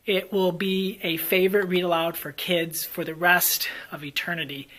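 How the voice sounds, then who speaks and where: Recommending books casually in his vlog, an enthusiastic American elementary school teacher and book reviewer speaks in a high, fairly bright, level voice at normal speed, stressing and repeating himself for emphasis. The audio is poor, with faint background noise and ambient sound.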